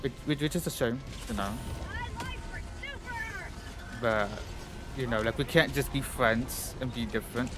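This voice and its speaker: Over music, a man streaming a game speaks a little slowly, leaving long pauses. His voice is medium in pitch and a bit stuffy, and his casual rambling is thick with fillers such as "like" and "you know."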